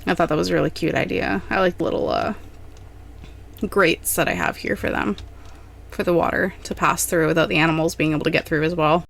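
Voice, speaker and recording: Low-voiced woman rambling over gameplay. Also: brisk, gravelly. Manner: relaxed, rambling and thinking aloud. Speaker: gaming channel host. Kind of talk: casual gameplay commentary.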